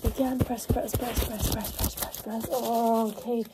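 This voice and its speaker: A young woman doing fast, soft-spoken role-play ASMR, repeating words in rapid strings. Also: fairly high pitch, little pitch movement, over loud music. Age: young adult. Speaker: ASMR performer. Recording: loud handling noise and clicks.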